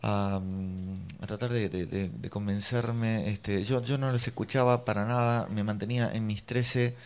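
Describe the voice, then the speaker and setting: A man with a Uruguayan accent telling a story, halting at first with many pauses. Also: on the low side, clear, resonant tone. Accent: Uruguayan Spanish. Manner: halting and hesitant, then lively and acted quotes. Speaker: storyteller reading his own story. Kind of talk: storytelling reading.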